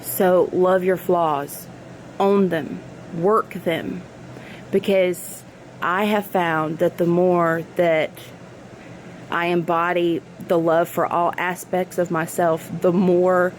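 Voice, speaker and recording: A woman giving an earnest, reflective spiritual monologue in halting phrases, as in a personal vlog. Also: on the low side, steady tone, a little hiss or hum, low-quality recording. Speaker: spiritual vlogger.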